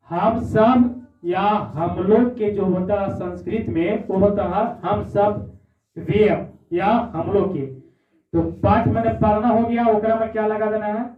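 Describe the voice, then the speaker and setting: A male teacher, speaking in a fairly high voice. He repeats his points and checks in with his students as he goes. The sound is thin and phone-like, picked up from a distance in an echoey room. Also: measured pace. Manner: repetitive, checks in with "है ना?". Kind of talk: classroom lesson. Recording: echoey, far-off, phone-like audio.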